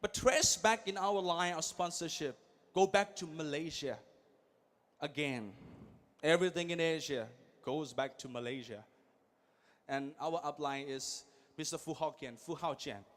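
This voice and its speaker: At a large event, a guest speaker in his thirties delivers an energetic motivational talk in English, which isn't his first language. His voice is slightly high and a bit slow, with frequent pauses, and he swings from quiet asides to loud calls to the crowd.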